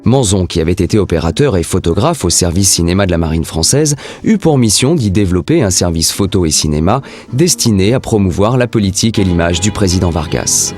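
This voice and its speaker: A man's voice: low voice, lively intonation, a little fast, a little mellow, soft background music. A man reading scripted narration for a historical documentary.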